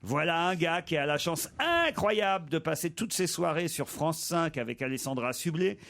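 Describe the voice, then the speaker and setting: A man's voice: a little high, expressive, moderate pace, gravelly, a bit bright. A man hosting a comic radio show, reading out joking introductions in a mocking way.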